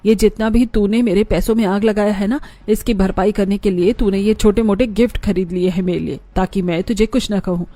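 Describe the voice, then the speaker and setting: A stern, scolding mother-in-law in a cartoon story, played by a man raising his voice. Her tone is dark and mellow, with a bossy edge. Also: high voice, fairly even intonation, fairly quick, few pauses, dry recording, pitched above the performer's own voice, close to an everyday voice. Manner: scolding, sharp. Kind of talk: cartoon voice acting.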